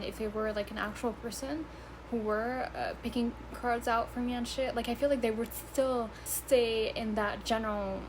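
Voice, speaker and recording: Her voice sits on the high side, and noise fills the background of the clip. She's a woman in her early twenties giving a loose, chatty vlog, laughing, swearing, and fumbling words in English, her third language.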